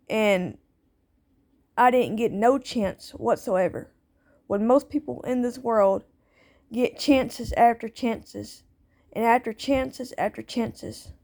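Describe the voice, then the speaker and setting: Here a woman's slightly high, darkish voice carries a plaintive, aggrieved monologue about being a parent. She keeps repeating herself, and her grammar is nonstandard.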